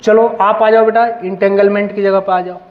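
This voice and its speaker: A man with a high voice leads an interactive classroom session, calling students forward one at a time and cheering them on. The sound is dull and lo-fi, and it rings with a long, roomy reverb. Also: little pitch movement, fairly quick. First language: Hindi. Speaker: police officer leading a school workshop. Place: school hall. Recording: echoey hall, dull lo-fi sound.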